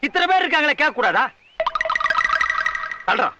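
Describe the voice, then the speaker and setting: Bossy short-tempered troupe leader. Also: male voice, very high-pitched, big pitch swings, normal speed, dull audio, loud music behind the voice. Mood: scolding. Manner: loud, scolding, sarcastic. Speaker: leader of a folk dance troupe. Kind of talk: 1980s film comedy dialogue.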